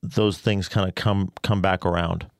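Deep, smooth-voiced man, dry wit. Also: fairly even intonation, no echo. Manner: dry wit, measured, explanatory. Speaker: radio station manager and guest. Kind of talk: casual radio interview. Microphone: studio mic. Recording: dry studio sound.

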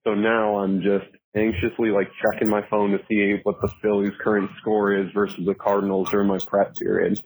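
A man leaving an earnest, thankful voicemail message that is played back, talking casually with some halting pauses. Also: on the low side, level tone, a little mellow, a little hiss or hum, poor audio. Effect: recorded voicemail played back on the show.

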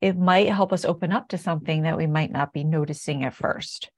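Encouraging woman hosting an interview. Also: deep voice. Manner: encouraging, quick affirmations. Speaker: interview host. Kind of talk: hosted interview.

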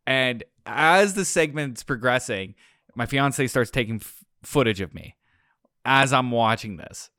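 A man co-hosts a casual podcast, telling stories with lots of quoted asides. His voice is smooth and clear. The sound is dry and close to the mic. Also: mid-range voice, unhurried, no echo. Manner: animated storytelling with quoted asides. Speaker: podcast co-host. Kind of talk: casual chat.

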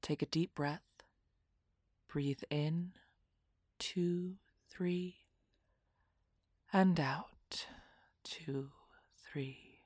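A woman guiding a relaxation meditation in a soft, half-whispered, soothing voice. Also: low voice, steady tone, extremely slow, pauses often, breathy edge, no echo, clean studio sound. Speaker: meditation guide.

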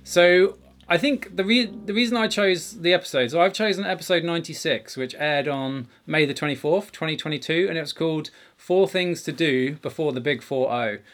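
A man's voice: fairly high pitch, normal speed, fairly bright tone. A middle-aged man hosting a conversational podcast from a home garage, speaking in an earnest, emphatic way. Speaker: podcast host.

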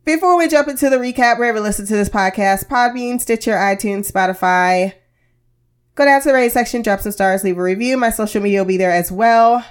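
A woman's voice: fairly high pitch, brisk, clear, resonant tone. An American woman hosting a casual TV review podcast, candid and wry, sounding under the weather and heavily medicated. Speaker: podcast host.

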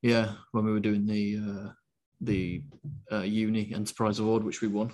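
Steady low-voiced man. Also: moderate pace. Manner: steady, not very animated, hesitant with fillers. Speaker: podcast co-host. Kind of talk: casual podcast chat.

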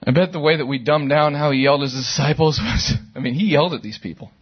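Male pastor, middle-aged, husky voice, fairly high pitch, lively sermon delivery, church service. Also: fast talker, lo-fi sound. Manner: animated, conversational preaching with sudden loud outbursts.

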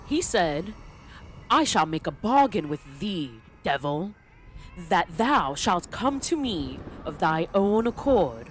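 A woman's voice: mid-range voice, slight background noise. A woman reading a spooky folktale aloud in a theatrical storybook style. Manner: theatrical, old-fashioned storybook diction. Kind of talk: dramatic storytelling.

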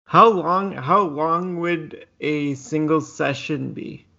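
A man's voice: fairly high pitch, slow pace, creaky, bright, forceful tone, lo-fi sound. A man hosting a podcast, asking questions over a video call, hesitant with many restarts and fillers. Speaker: podcast host.

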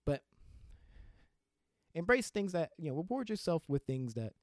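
A young man hosting his own podcast, ranting with big laughing outbursts and quiet sincere asides into a close mic. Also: on the high side, big pitch swings, normal speed, dry recording. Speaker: podcast host. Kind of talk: solo podcast rant.

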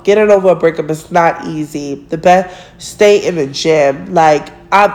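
A woman's voice: fairly low pitch, darkish tone. A woman, giving blunt relationship advice in a casual monologue, swearing freely and laughing at herself.

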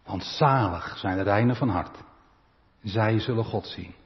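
A man from the Netherlands preaching a sermon as pastor, his voice swelling loud and then dropping to quiet asides, often tagging a "hè?" onto his points. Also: on the low side, a little slow, long reverb tail, highs cut off. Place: church.

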